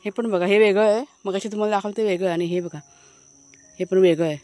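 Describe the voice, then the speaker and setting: A woman's voice: medium pitch, fairly even intonation, quick pace, darkish tone, dry recording. A woman casually chatting to her viewers while showing a village garden outdoors, with many fillers. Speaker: vlogger. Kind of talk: casual village vlog narration.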